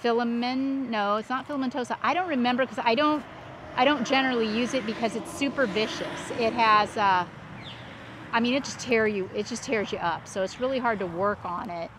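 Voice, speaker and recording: Excited, high-voiced woman hosting outdoors. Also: a little fast. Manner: excited, gushing, exclamatory. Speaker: landscape designer hosting a plant tour. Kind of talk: casual walk-through vlog narration. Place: outdoors at a plant nursery. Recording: outdoor ambient and vehicle noise.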